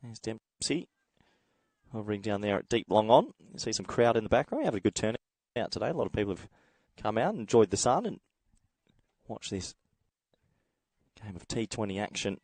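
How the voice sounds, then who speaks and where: A man from Australia doing solo live cricket commentary with a slightly croaky voice from a head cold, chatty and reading viewer comments as he goes. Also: fairly low pitch, sing-song, a little fast, a little mellow, dry recording.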